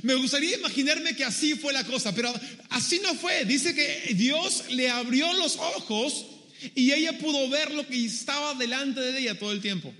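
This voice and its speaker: A man delivers a humorous sermon, retelling the story with animated storytelling and little acted-out voices. His voice sits high for a man. The recording carries the long reverb of a large hall. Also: normal speed. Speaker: preacher.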